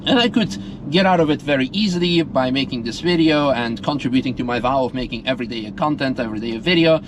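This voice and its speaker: A man's voice: medium pitch, fast talker, background noise. A man from Russia speaking earnestly in a casual, rambling monologue full of fillers and restarts. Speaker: vlogger.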